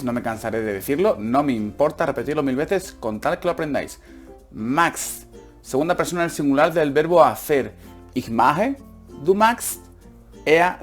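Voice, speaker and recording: A man with a Spanish accent from Spain giving a casual online language lesson, repeating words slowly and patiently to drill pronunciation. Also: medium pitch. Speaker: online German teacher.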